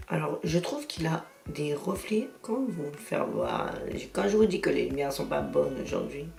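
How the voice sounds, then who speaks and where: A woman with a lowish, gravelly voice talks through her beauty haul in an animated, exclamatory way. The room is echoey, with soft music playing underneath. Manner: chatty and exclamatory, with many "voilà" and "hein" fillers. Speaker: beauty vlogger. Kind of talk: casual makeup haul chat.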